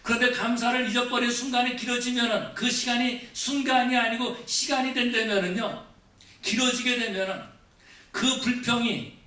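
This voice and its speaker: A male pastor preaching a Thanksgiving sermon. He questions the congregation again and again and moves between raised emphasis and quiet, low asides. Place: church sanctuary. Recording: echoey church from far off.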